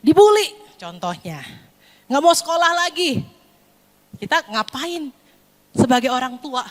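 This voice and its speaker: A woman preaching a lively sermon to a congregation, acting out scolding and comforting parents. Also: sits high, measured pace. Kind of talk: sermon with acted parent role-play. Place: church hall. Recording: long hall reverb.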